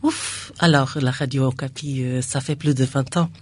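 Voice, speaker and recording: A woman's voice: rumbling low, steady tone, moderate pace, slightly rough. A woman with a foreign accent in French, a non-native speaker searching for words in a conversational interview. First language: not French. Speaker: radio station staff member being interviewed.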